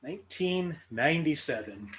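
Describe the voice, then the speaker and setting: High, lively man hosting a trivia game. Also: moderate pace. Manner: dry, mock-serious joking. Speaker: game show host. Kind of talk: reading trivia clues.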